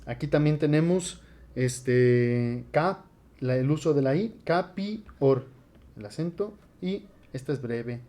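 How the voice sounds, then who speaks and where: A man teaching Latin grammar in a relaxed, conversational classroom lecture, with frequent fillers. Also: fairly high pitch, slow pace. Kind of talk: casual classroom lecture at a board.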